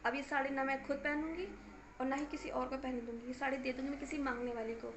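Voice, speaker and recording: A high, reproachful daughter's voice, as a woman acts it out in a family story, scolding her mother and hammering the same words again and again. The sound rings a little in an echoey room. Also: little pitch movement, fast, noisy background, natural voice. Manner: reproachful, emphatic, repeating herself.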